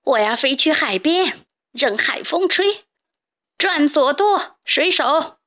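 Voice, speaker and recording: A woman voicing a crazed cormorant who bellows at the crew in a high, stretched-out voice, each order pulled slow and loud. A manic bird playing sea captain in a storybook for kids. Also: animated, heavily acted. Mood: frenzied shouting. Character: manic male cormorant shouting like a ship captain.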